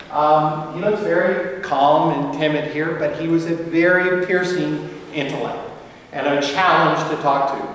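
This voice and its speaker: A fairly high-pitched older man from the US gives a warm, meandering academic lecture as a guest speaker, often using fillers and restarting sentences. The distant recording of the large, echoey hall carries a little hiss or hum.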